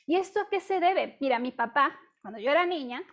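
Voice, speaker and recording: High-voiced Mexican woman preaching casually. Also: animated, brisk, a bit bright. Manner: chatty, peppers talk with rhetorical questions; acts out her own past complaints in dialogue. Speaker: women's ministry speaker. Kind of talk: conversational testimony sermon. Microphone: video call.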